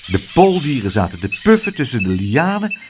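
Expressive man reading a children's story. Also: medium pitch, moderate pace, a little hiss or hum. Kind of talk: reading a children's book aloud.

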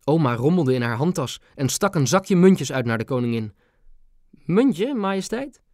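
A man narrating a children's audiobook in an expressive, animated storytelling manner. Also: mid-range voice, fairly quick, no room sound, clean studio sound.

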